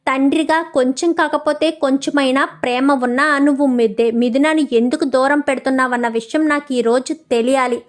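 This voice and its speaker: A woman voicing a stern aging father who commands his son to tell the truth, in a soft retelling. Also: high voice, fairly even intonation, moderate pace, hardly any pauses, close to an everyday voice. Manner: commanding, threatening.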